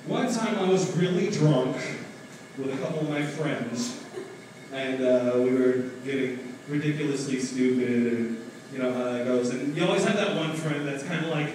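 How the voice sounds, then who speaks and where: A man's voice: mid-range voice, moderate pace, a little hiss or hum. A young man doing a stand-up comedy set, hesitant, with lots of ums and uhs. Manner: hesitant, lots of ums, acts out drunk friends in loud voices. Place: small bar stage. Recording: echoey bar, far from the camera mic.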